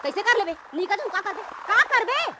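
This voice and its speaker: Shrill scolding woman, sarcastic wife. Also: lively intonation, normal speed, a little hiss or hum. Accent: Chhattisgarhi. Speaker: comic actress playing a quarrelling wife. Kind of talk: Chhattisgarhi comedy sketch acting. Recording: loud background music.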